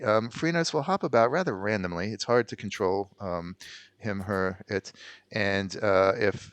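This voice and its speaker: A man in his thirties giving casual gameplay commentary, slightly hoarse with a low growl, chatty and full of ums and restarts. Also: a bit bright, no echo. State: voice going hoarse. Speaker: let's play host.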